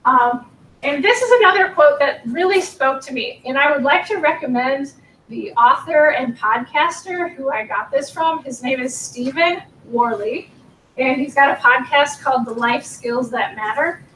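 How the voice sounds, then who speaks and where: A woman's voice: high voice, normal speed, fairly bright tone, slight background noise. A woman in her forties giving a workshop talk, earnest and encouraging, her voice a little strained. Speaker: workshop speaker. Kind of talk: workshop presentation. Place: meeting room. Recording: echoey room, mic at a distance.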